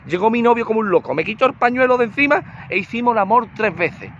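Shy young girlfriend confessing to friends, told by a man; low, quiet and muffled, a faint hiss behind. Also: expressive, quick pace. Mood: sheepish. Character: young woman telling friends her night, shy.

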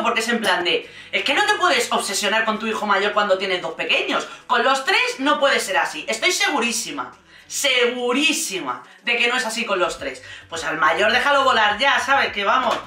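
A woman's voice: a little high, moderate pace, reverberant, distant mic. A woman from giving casual, sarcastic commentary on a reality show. She acts out the people she quotes as she talks. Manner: sarcastic and expressive, mimics people in quoted voices.

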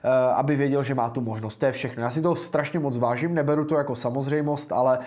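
A man's voice: mid-range voice, fairly even intonation, darkish tone. A young man in his twenties, speaking Czech, hosting a casual political livestream in a blunt, informal way with frequent filler sounds. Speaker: livestream host and political candidate.

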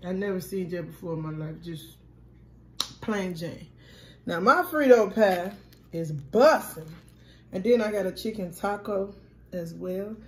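A woman's voice: fairly low pitch, a little slow, long pauses, roomy sound, slight background noise. A woman vlogging from her dinner table, chatting to viewers and calling them "y'all". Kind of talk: casual chat.

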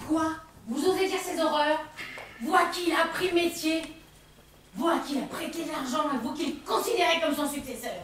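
Actress playing a high-voiced, gossipy switchboard girl on stage, echoey hall, distant mic. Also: fairly quick, slight background noise. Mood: indignant. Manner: gossipy, exclaiming, animated. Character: chatty cheerful young woman switchboard operator. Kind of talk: amateur stage comedy. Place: theatre stage. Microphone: distant room mic.

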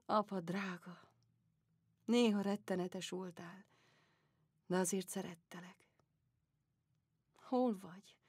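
An actress playing a weary aging empress in a one-woman audio play, speaking softly and musingly, often sinking into whispers. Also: medium pitch, steady tone, long pauses, slightly rough, no echo, clean studio sound, close to an everyday voice. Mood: wistful. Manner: soft, musing, drifting into whispers. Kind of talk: theatrical monodrama audiobook.

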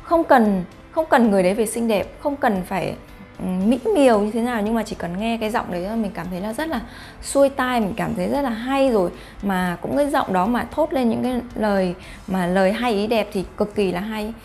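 A woman's voice: medium pitch, fairly quick, a little mellow, soft background music. A woman vlogger talking casually to her viewers, often asking them rhetorical questions. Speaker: YouTube vlogger host. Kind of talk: talking to camera about face reading.

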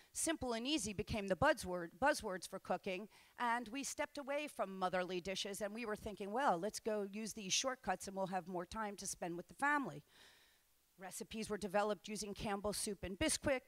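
A woman's voice: mid-range voice, no room sound. A middle-aged woman, a restaurant owner, giving a conference talk from a lectern, conversational with wry asides. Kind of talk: conference presentation with slides. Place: large auditorium stage at a lectern. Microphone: lectern microphone.

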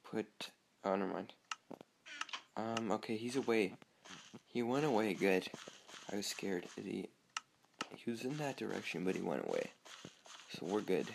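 Gravelly young man narrating his gameplay. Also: lowish voice, lively intonation, moderate pace, long pauses, background noise. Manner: chatty, easily startled, talks to himself. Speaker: gamer. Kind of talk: casual gameplay commentary.

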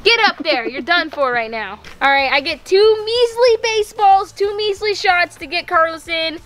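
Very high-pitched excitable young woman. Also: moderate pace. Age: 20s. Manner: playful, excitable teasing. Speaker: vlog host. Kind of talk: casual family challenge vlog. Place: outdoors on an open driveway. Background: music.

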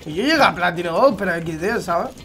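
A man's voice: high-pitched, lively intonation, a little fast, a bit bright. Exasperated Spanish gamer man ranting. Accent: Spain. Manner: exasperated ranting with frequent swearing. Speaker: gaming streamer. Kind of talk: live gameplay commentary.

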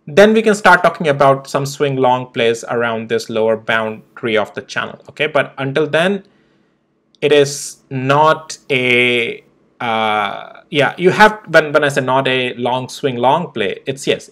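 A man's voice: mid-range voice, lively intonation, a little slow, a bit bright. A young man hosting a stock trading channel, walking through charts in a casual, emphatic way with frequent tag questions. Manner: emphatic, repeats tag questions like "right?" and "okay?". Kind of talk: casual chart analysis walkthrough.

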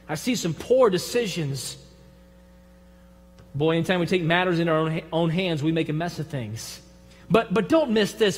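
A high-pitched man with a Michigan accent preaches a folksy, emphatic sermon. His voice swings from loud, driving points down to a near hush. A long reverb from the church sanctuary trails each phrase. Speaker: pastor.

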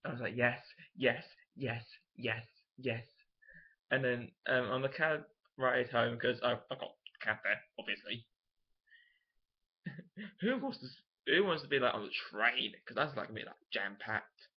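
A young man telling an excited story in a casual vlog, full of "like" and fillers. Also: medium pitch, moderate pace, breathy edge, dull audio. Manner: chatty, filler-heavy, gushing. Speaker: vlogger.

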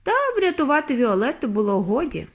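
A woman's voice: fairly high pitch, brisk. A woman narrating a bedtime audiobook for children, reading expressively. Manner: expressive storytelling. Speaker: narrator, mother reading to her daughter.

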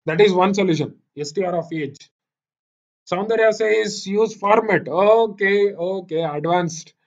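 A programming teacher with an Indian accent delivers a live online lecture in a high, slightly slow voice. He repeats himself and keeps checking that his students are following. The audio is dull, lo-fi online meeting sound.

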